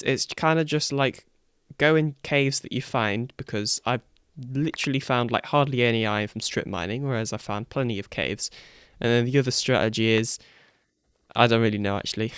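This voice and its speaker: Clean studio sound and a dry recording carry a young man's smooth, medium-pitched, fairly bright voice as he casually comments on gameplay for his channel. Groggy from the morning, he rambles, self-corrects and chuckles a lot over faint background music.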